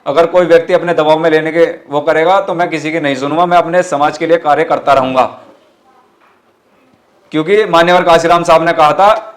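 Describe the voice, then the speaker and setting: Brisk and steady in tone, this fairly high-pitched man speaks with a western Uttar Pradesh accent. Answering interview questions as a party activist, he offers political rhetoric earnestly and emphatically, often going back over the same phrases.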